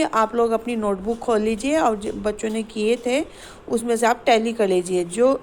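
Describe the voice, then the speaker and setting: A woman teacher walks her pupils through a grammar exercise, asking questions and reading each example sentence slowly. Her voice sits high, and a faint background noise runs under the recording. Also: low-quality recording. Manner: explains patiently, asks the class questions, reads sentences slowly. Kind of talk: Hindi grammar lesson to schoolchildren.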